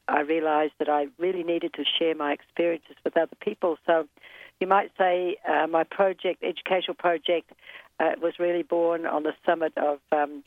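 A woman's voice: low voice, no echo. New woman on a tinny phone line. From New Zealand. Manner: measured, with frequent ums and uhs. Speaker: guest. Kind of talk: interview storytelling.

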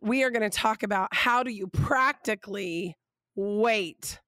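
A hoarse woman with a raspy, nearly lost voice that slips toward a whisper, hosting an emphatic, halting, heartfelt faith monologue. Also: mid-range voice, a bit bright, no room sound, studio quality. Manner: emphatic, halting, with repeated phrases and drawn-out pauses. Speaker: podcast host and preacher.

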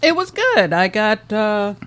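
A woman's voice: medium pitch, big pitch swings, slow pace, a bit bright. A woman co-hosting a podcast in casual chat, joking and laughing. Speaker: podcast co-host.

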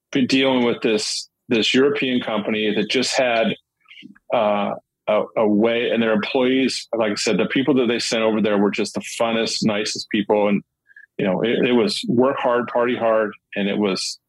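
A middle-aged man talks through his past deals as an interview guest, looping back and restarting his sentences often. His voice is husky and sits at an ordinary pitch for a man. The sound is dry and close, with no room around it. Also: steady tone, moderate pace, no room sound, rough recording. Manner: rambling, with many restarts and fillers. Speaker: guest, commercial real estate dealmaker. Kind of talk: casual interview storytelling.

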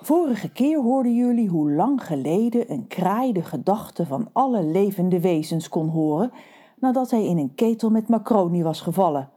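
A woman's voice: medium pitch, expressive, normal speed, mellow. A woman narrating a children's audio story playfully, talking directly to her listeners.

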